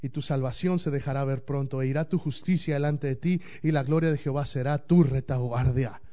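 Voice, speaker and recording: A man preaching a sermon as pastor, swinging between loud declaiming and hushed, intimate passages. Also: mid-range voice, steady tone, brisk, muffled recording.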